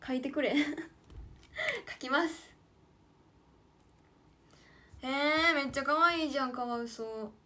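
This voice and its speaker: Bright high-voiced young Kansai woman. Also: animated, unhurried. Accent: Kyoto Kansai dialect. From Kyoto, Japan. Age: late teens. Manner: chatty, talks to herself, calls herself by name. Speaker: idol livestreamer. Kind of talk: casual livestream chat while drawing.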